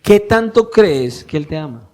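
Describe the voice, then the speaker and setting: A male pastor preaching a sermon, asking his congregation pointed questions and moving between soft, low lines and louder emphatic ones. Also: lively intonation, unhurried. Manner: questions the congregation directly, swinging from soft to loud.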